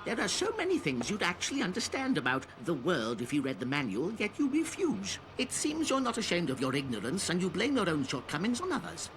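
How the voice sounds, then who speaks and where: Swooping, needling old cat sage. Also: male voice, sits high, huge pitch swings, brisk, few pauses, over music, heavily acted. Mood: chiding. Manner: theatrical, chiding, probing. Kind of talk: English video game voice acting. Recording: clearly noisy game audio with ambience.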